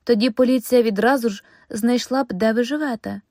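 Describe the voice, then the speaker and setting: A woman voicing a gentle, chatty elderly lady who speaks sweetly and politely in an audiobook. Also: on the high side, fairly quick, dry recording, clean studio sound. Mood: soothing.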